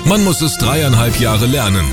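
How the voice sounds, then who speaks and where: A man's voice: medium pitch, big pitch swings, moderate pace. A man reading a radio job advertisement in an upbeat, salesy way. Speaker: ad voice-over. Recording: radio ad over loud music.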